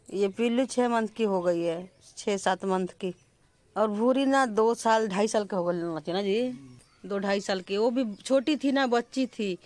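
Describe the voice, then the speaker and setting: A woman vlogger, chatting to viewers and coaxing a puppy in soft baby talk, with sudden sharp scolding calls. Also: mid-range voice, no echo. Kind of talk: casual home vlog.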